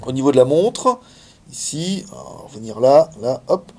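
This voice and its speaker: A man with a medium-pitched, warm voice reviews a gadget hands-on while filming indoors in China. He's very animated at normal speed, keeping things casual and chatty with plenty of fillers and laughs.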